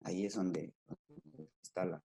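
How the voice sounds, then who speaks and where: A man's voice: low voice, fairly even intonation, a little slow, mellow. A man with a Mexican Spanish accent, a schoolteacher explaining his work in a casual interview, talking with many fillers and restarts. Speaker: rural schoolteacher, guest.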